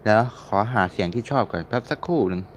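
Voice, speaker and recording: A man's voice: lowish voice, animated, quick pace, faint music behind. Chatty man walking through a tutorial. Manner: chatty, repeats words while searching and clicking. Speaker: mobile game modding tutor. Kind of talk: casual screen-recorded tutorial.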